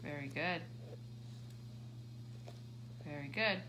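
Her voice sits low and she takes things slowly as she sits on a carpeted living room floor at home with a toddler. Through play, she patiently coaches the child on simple words and manners, while the background is noisy.

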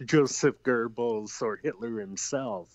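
A man's voice: mid-range voice, slow pace, darkish tone, dry recording, highs cut off. Guy hosting an interview, asks stuff politely, dry close audio. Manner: asks questions in a polite, deferential way. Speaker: host. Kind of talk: casual interview.

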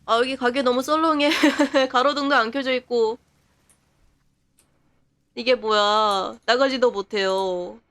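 A woman's voice: a little high, steady tone, a bit bright. A woman streamer giving live commentary on a game, chatting to herself and laughing often. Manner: reacts to the game with quick surprised remarks.

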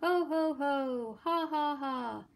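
A woman voicing the carefree, mocking little pigs of a storybook with high, squealy laughter. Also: big pitch swings, unhurried, a little mellow. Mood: teasing. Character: giggling carefree young male little pigs.

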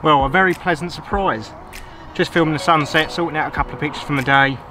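Seated in front of his camera inside a fishing tent by a lake, a young English angler narrates a casual vlog in a relaxed, understated manner. His voice is fairly high and fast, picked up by the camera mic. The outdoor recording has clear ambient noise.

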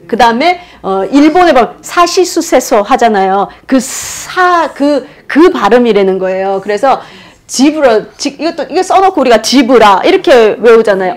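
Woman lecturer, high and very expressive pitch, animated, acts out sounds. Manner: animated, demonstrates pronunciations aloud, laughs often. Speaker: history lecturer. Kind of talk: explanatory lecture.

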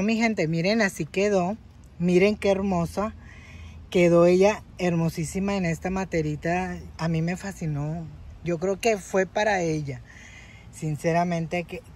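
A woman's voice: lowish voice, mellow, slight background noise. A woman talking casually in a home gardening vlog, fussing tenderly over a plant and often telling viewers to look. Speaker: gardening vlogger.

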